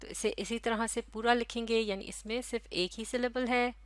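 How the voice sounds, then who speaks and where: A woman teaching a recorded lesson in a patient, unhurried way. She sounds out each word slowly and says it again. Her voice sits a little high and the sound is close and dry, with no room echo. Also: steady tone. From Pakistan. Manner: slow, patient, spells out syllables and repeats words.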